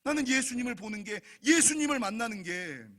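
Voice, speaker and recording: A man's voice: extremely high pitch, lively intonation, fairly quick, bright, forceful tone, exaggerated voice. A man preaching and voicing Zacchaeus, a scorned man who defiantly brushes off what people think of him. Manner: defiant, insistent. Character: Zacchaeus, a scorned man set on seeing Jesus.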